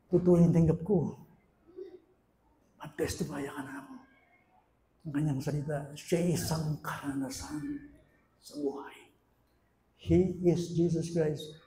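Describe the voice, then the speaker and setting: High-voiced Filipino pastor preaching in an echoey room. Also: male voice, fairly even intonation, slow pace, pauses often, slight background noise. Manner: preaching in Tagalog mixed with English, shifts from loud questions to hushed lines. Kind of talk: sermon. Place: church.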